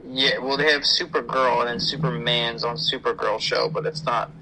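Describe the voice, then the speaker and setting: A man in his twenties co-hosting a casual podcast chat, laid-back and quick to laugh. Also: medium pitch, fairly even intonation, background noise. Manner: laid-back, laughs easily, says "dude". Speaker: podcast co-host.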